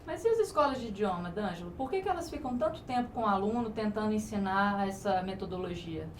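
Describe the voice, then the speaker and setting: A woman interviewer asking brisk, prompting questions. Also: mid-range voice, expressive. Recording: echoey room with faint noise.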